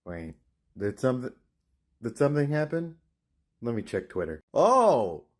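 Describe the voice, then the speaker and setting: A man doing the voices of a crude comedy cartoon. He fires off brash, profane banter. His pitch sits in an ordinary middle range but leaps around animatedly. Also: big pitch swings, a little mellow. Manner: brash, sweary, quick comic banter.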